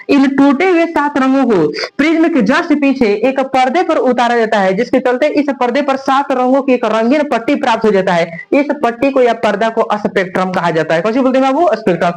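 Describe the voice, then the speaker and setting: A man's voice: extremely high pitch, rough recording. A man teaching physics in a classroom lecture, speaking with a tinge, repeating questions and calling his students "babu". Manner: repeats questions and has students answer, calls them "babu".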